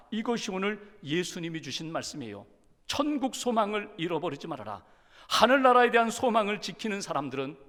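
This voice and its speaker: A man preaching a Sunday sermon in a large church sanctuary. His voice sits high and moves a lot, rising and falling with emphasis. A long church-hall reverb trails each phrase. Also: fairly bright tone. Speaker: pastor.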